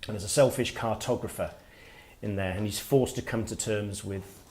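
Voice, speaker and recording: A middle-aged man speaks at a writers' workshop in a somewhat low voice. His delivery is reflective and halting, with pauses and restarts as he works out his thoughts aloud. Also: steady tone, a little mellow. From Wales. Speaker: author and guest speaker. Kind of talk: workshop talk. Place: workshop room with listeners.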